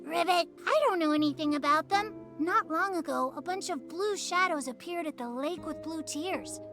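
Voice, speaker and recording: A woman voicing a timid, chatty little frog-like vendor in a game, punctuating her sentences with a croaking "ribbit". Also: very high voice, moderate pace, fairly bright tone. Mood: chatty, earnest. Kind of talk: scripted game dialogue. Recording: game music behind.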